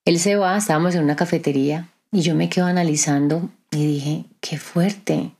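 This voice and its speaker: A woman's voice: sits low, steady tone, fairly quick, darkish tone, slightly rough. A woman, hosting a reflective podcast monologue and asking her listeners rhetorical questions. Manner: conversational, preachy, asks listeners rhetorical questions. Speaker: podcast host.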